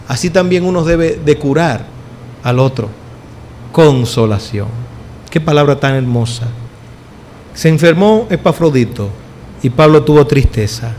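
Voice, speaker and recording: Middle-aged male pastor, high voice, theatrical sermon delivery, faint room hiss. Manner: dramatic swings between loud declarations and soft low asides. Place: church.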